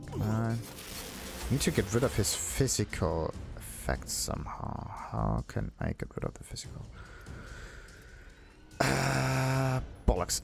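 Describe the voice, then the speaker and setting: A gaming video host does a casual let's play, thinking aloud to himself over video game music. His voice is on the low side with vocal fry, and there's slight background noise.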